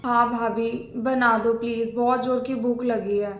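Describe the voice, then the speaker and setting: A woman's voice: fairly high pitch, fairly even intonation, a little slow, natural voice. A woman playing a demanding, bossy married sister-in-law who complains and gives orders, in a homemade family skit. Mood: complaining. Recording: echoey room.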